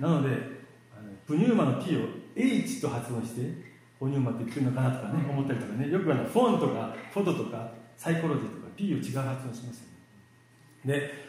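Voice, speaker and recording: A man giving a church sermon in a relaxed, self-deprecating, joking way, with many fillers and pauses. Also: medium pitch. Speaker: lay preacher. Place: church hall. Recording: very echoey hall.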